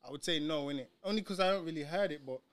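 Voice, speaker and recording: High-pitched young London man chatting casually. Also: very fast, fairly bright tone, no room sound. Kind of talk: casual slangy banter among friends.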